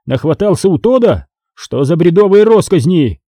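A man's voice: high-pitched, big pitch swings, normal speed, dark tone, no echo, studio quality, pitched above the performer's own voice, heavily acted. A man voicing a stern, furious father in an audiobook, scolding harshly. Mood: angry.

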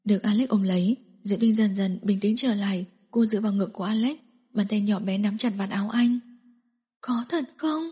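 A woman narrating a romance audiobook in a soft, even storytelling manner, with an echoey hall sound. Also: medium pitch, fast talker, slightly rough.

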